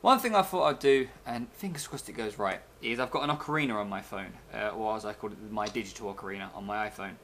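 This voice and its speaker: With hardly any pauses, a young adult vlogger rambles fast in a fairly low, fairly bright voice. The recording, made on a desk webcam at arm's length in a small bedroom, has a little hiss or hum.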